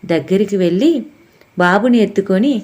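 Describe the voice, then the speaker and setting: A woman narrating a family audiobook story in a steady, expressive storytelling manner. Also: mid-range voice, moderate pace. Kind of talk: scripted narration.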